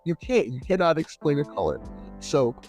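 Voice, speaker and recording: A man's voice: a little high, very animated, moderate pace, a little mellow, soft background music. A man chatting as a podcast guest, eager and full of restarts and filler words. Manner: enthusiastic, many "like" fillers and restarts. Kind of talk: casual chat.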